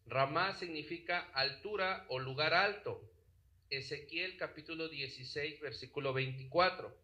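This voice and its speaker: A man's voice: on the high side, moderate pace, bright, forceful tone, muffled recording. A man preaching a sermon who keeps asking his congregation questions and checking that they follow along. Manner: asks the congregation rhetorical questions.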